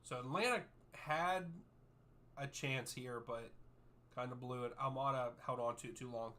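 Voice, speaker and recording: Male streamer in his thirties, bright and punchy tone, casual back-and-forth with live chat. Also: medium pitch, moderate pace. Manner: easygoing, reads out chat names and answers at length. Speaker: streamer hosting a soccer watchalong. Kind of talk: live-stream chat, answering viewer questions.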